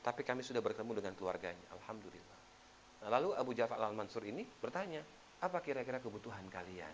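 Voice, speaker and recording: A low-voiced man preaches a sermon as an ustadz, his pitch swinging widely as he tells stories. He acts out the quoted lines in sudden loud bursts. A faint hiss sits under the recording. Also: expressive, fast talker.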